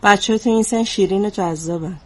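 A calm female therapist, played by an actress, who presses her client with steady questions. Her voice sits at an ordinary pitch. It is a drama scene. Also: breathy edge, lightly acted. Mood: probing. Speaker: psychologist. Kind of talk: drama dialogue.

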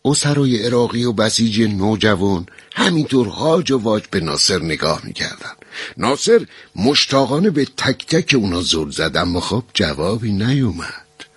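A man narrating a story in a lively storytelling style, switching into voices for the characters. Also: on the low side, breathy edge, no room sound.

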